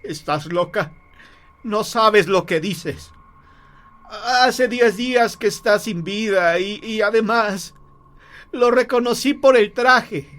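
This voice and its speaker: A man's voice: high voice, big pitch swings, measured pace, a bit bright, voice pushed up, heavily acted. Man voicing an older husband, fearful, tense raised voice. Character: stunned, fearful old husband and father.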